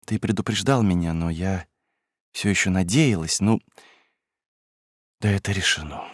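A man voicing a playful, quiet young girl in an audiobook, speaking softly. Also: low-pitched, normal speed, husky, dry recording, clean studio sound.

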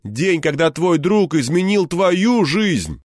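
A playful young friend teases and mocks in a raised, bouncy voice, as a man puts him on. His pitch leaps around lively. The recording is dry and close. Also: slow, dry recording. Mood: teasing. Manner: playful, mocking, laughing. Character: joking, teasing young male friend. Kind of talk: audiobook reading.

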